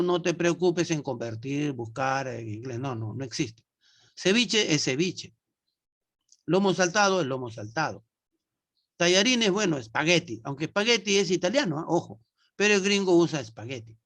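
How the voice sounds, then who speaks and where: A man with a slightly high, fairly bright voice leads an online English lesson for nursing students. He goes over points patiently and repeatedly, checking understanding with frequent tag questions.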